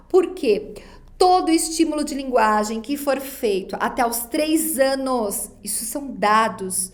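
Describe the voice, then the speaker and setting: A woman giving a recorded psychology lesson, speaking directly to her students in a didactic way. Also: on the high side. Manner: didactic, addresses students directly, acts out parents' baby talk. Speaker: psychology lecturer.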